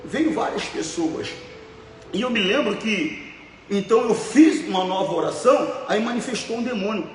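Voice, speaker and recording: A male pastor preaches in a high voice, telling stories and hammering his points home by repeating them. His voice carries from a distance across a large hall with a long, echoing reverb and a faint hum of ambience behind it. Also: lively intonation, normal speed. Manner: emphatic storytelling with repetitions. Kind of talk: preaching sermon. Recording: echoey hall, voice from far off.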